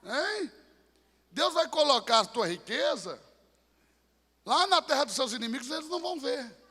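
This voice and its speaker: A man preaching a dramatic sermon, swinging from hushed asides to shouted climaxes. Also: extremely high pitch, animated, normal speed. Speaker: pastor. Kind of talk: impassioned sermon. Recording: long church-hall reverb.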